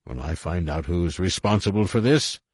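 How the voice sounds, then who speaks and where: A man's voice: low-pitched, lively intonation, normal speed, darkish tone, husky, no room sound, studio quality. A man voicing a formal, pompous male general who blusters under pressure. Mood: blustering.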